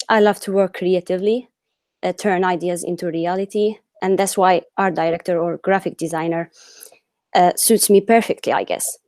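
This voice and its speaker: A woman's voice: medium pitch, a little mellow, no room sound. Hesitant woman. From Saudi Arabia and Syria. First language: Arabic. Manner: hesitant, searching for words, laughing often. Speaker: student. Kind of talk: introducing herself in class.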